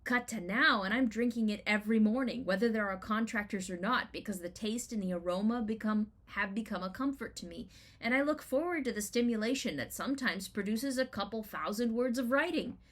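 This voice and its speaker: Her voice a little high, a woman writer dramatically reads her own personal essay. She narrates expressively and deliberately, pressing home emphatic rhetorical questions.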